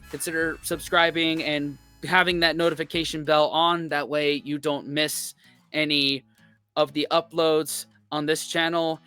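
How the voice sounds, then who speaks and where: Hosting a reaction video, this American man has a bright, forceful, clean voice on the high side. His talk is casual and meandering, heavy with fillers and relaxed in manner.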